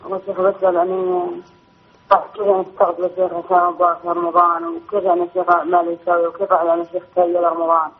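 Woman caller, halting, husky, rapid, phone line. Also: fairly low pitch, monotone. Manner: halting, searching for words. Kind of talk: phoned-in question.

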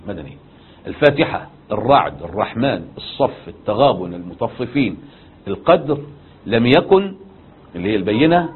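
A male Egyptian preacher teaching on Quran chapters, emphatic, rising sharply on key words and answering his own questions. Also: lowish voice. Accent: Egyptian Arabic. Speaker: Islamic preacher. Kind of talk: religious lesson on Quran chapters. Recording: tinny lo-fi recording with faint noise.

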